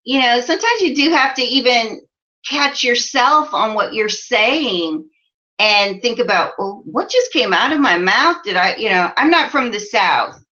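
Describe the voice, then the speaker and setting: Bright-voiced chatty Midwestern woman coach. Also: fairly high pitch, animated, unhurried, highs cut off. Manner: chatty, lots of "you know", laughs often. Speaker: life coach. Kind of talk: live-streamed motivational talk reading viewer comments.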